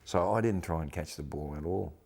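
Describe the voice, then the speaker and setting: A man's voice: sits low, a little fast, creaky, darkish tone. An older man with a broad Australian accent, reminiscing casually and bluntly in an interview, with salty colloquial turns of phrase. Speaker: actor interviewee.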